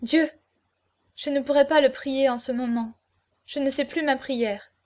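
A woman's voice: high-pitched, steady tone, a little slow, darkish tone. A woman reading aloud, voicing an anguished, proud young woman with an intense manner in an audiobook. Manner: intense, pleading then haughty.

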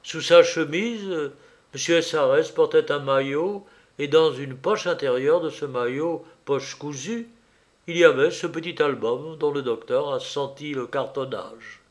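A man voicing a composed middle-aged magistrate in an audiobook, laying out facts in a measured way. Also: on the high side, natural voice. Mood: explaining. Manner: measured, factual explaining. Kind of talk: audiobook character voice.

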